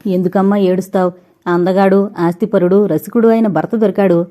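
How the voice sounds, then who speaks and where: A woman's voice: mid-range voice, fairly even intonation, brisk, warm tone, close to an everyday voice. A woman doing a bitter, tearful mother. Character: distressed middle-aged mother, bitter.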